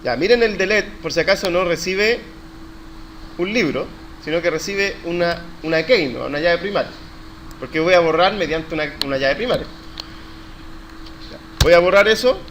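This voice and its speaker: A man's voice: high-pitched, expressive, normal speed, long pauses, a bit bright. A man teaching a live university coding class, questioning students and praising their answers. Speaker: university lecturer. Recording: noisy classroom recording.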